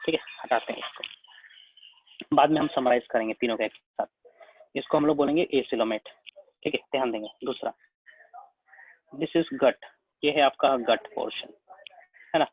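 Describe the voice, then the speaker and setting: A man's voice: mid-range voice, breathy edge, dry recording. Man, Indian accent, biology teacher, patient repetitive lecture, dry close sound. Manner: slow, repetitive, checks in with "है ना?" again and again. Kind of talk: classroom lecture at a whiteboard. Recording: tinny phone-like sound, dry.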